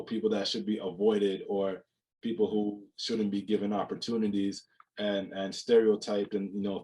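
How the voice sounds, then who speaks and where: Audio is poor as a young man from Jamaica, a mental health speaker, appears as a guest on a video call indoors in his home. His voice is lowish and dark, and he speaks casually and reflectively, full of fillers and repetitions.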